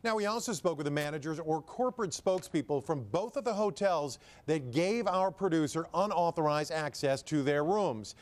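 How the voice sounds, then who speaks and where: A man's voice: on the high side, lively intonation, moderate pace, few pauses. A man working as a TV news reporter, delivering a scripted report.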